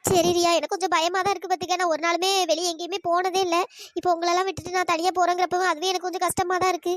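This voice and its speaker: A woman's voice: very high voice, flat delivery, racing, dry recording. Maha, a woman doing a timid young bride. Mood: worried. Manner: hesitant, worried.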